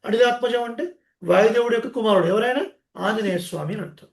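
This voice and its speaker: A man teaching Sanskrit verses in an online call, chanting each line slowly and correcting how it is pronounced. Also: very high-pitched, vocal fry, echoey room. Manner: slow, drawn-out chanting, correcting pronunciation. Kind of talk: chanting lesson with call and response. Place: online meeting.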